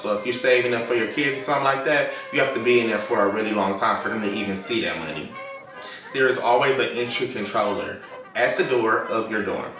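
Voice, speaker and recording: Man in a roomy, distant-sounding recording. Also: mid-range voice. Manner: informal, candid, explanatory. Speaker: storytelling vlogger, former Air Force member. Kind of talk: casual direct-to-camera storytime talk. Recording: roomy echo, distant mic, music behind. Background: clear background music.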